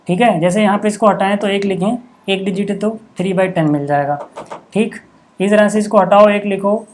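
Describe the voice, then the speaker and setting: A man's voice: high voice, darkish tone. A man teaching a maths lesson in a casual classroom manner, often checking whether his students are following. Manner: casual, repeatedly checks understanding with short asides. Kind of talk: classroom lesson explaining on a board.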